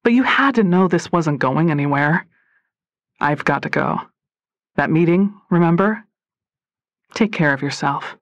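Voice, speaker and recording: Woman voicing evasive middle-aged man, lowered voice, slow and flat, dry sound. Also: dry recording, muffled recording. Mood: dismissive.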